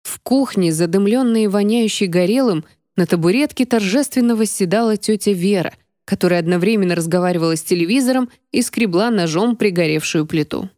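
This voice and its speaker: Lady reading a fantasy book out loud, steady, super dry mic. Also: mid-range voice, fairly quick, few pauses, no echo. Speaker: audiobook narrator. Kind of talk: scripted narration.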